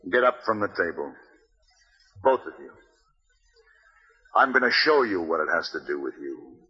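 A relentless Western gunfighter in a radio drama. He is commanding and menacing, with a very raspy, lowish voice on a muffled, reverberant old recording. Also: very animated, normal speed, exaggerated voice. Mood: cold menace. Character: stern, relentless Western gunfighter hunting outlaws.

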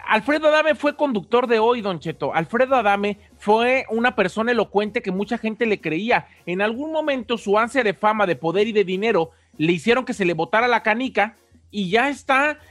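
Male radio co-host, high voice, dry explainer. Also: expressive, normal speed, a bit bright, no room sound. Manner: explaining, wry teasing. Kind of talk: comedic radio banter.

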